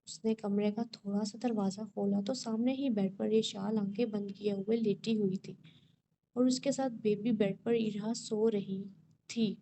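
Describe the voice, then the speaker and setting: A woman narrating an audio novel in a steady, plain reading voice. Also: mid-range voice, slight background noise.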